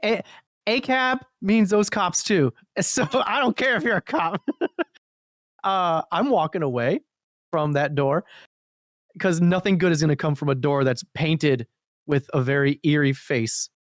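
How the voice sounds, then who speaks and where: On a podcast he co-hosts, a man with a fairly high voice jokes about horror videos, his talk blunt, playful and full of swearing. He speaks a little slowly, and the studio recording is clean with no echo.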